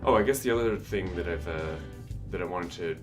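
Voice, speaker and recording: Working in his home studio on a livestream, a man talks through his music production casually, thinking aloud over the clatter of keyboard typing. His voice is deep and a little fast.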